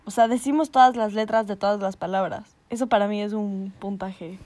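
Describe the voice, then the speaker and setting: A woman's voice: mid-range voice, fairly even intonation, brisk, a little mellow, slight background noise. A young woman with an Ecuadorian accent, co-hosting a podcast in teasing, laughter-filled casual chat. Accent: Ecuadorian Spanish. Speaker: podcast co-host.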